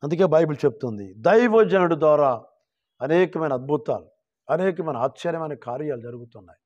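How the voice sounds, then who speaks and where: A male pastor preaching a sermon, reading scripture slowly and calling on the church to shout hallelujah. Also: on the high side, animated, highs cut off. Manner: calls for loud hallelujahs, rising to shouts; drawn-out quoting of scripture verses.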